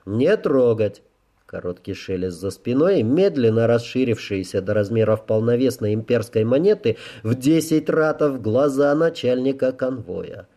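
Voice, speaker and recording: A man reading an audiobook as its narrator, in steady, even scripted narration. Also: mid-range voice, normal speed, hardly any pauses.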